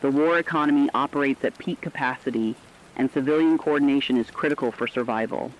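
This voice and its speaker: A fast-talking man with a medium-pitched, natural voice plays a resolute war correspondent. He delivers scripted dramatic news in a stern, declamatory style, and the recording has a dull, lo-fi radio quality.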